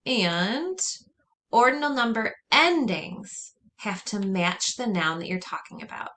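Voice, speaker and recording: Woman teacher at a middle pitch, patient and methodical as she repeats each word, over a faint hiss. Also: animated, pushed and bright. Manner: slow, careful drilling of words. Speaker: Spanish teacher. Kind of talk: recorded classroom lesson.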